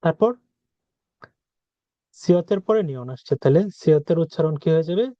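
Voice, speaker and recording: A man teaching a language lesson, explaining rules, asking questions aloud and repeating example words slowly. He is a native speaker of Bengali. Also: fairly high pitch, expressive, dry recording, lo-fi sound.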